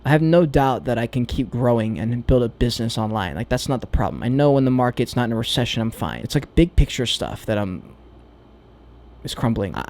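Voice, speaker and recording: A man speaks to camera in a candid, self-questioning monologue. His voice sits at a middle pitch for a man, and he often hesitates and restarts as he works his thoughts out. He drops casual swear words along the way. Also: darkish tone. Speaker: vlogger.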